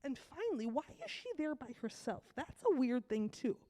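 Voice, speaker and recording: A woman with a cold giving a children's sermon, telling a story to kids with lively asides and questions. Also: high-pitched, normal speed. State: has a cold. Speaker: children's message leader.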